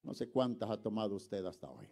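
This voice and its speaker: A man preaching a sermon, swinging from quiet murmurs to shouts and calling on the congregation to answer him. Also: lowish voice, sing-song, brisk, vocal fry. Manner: calls on the congregation to respond.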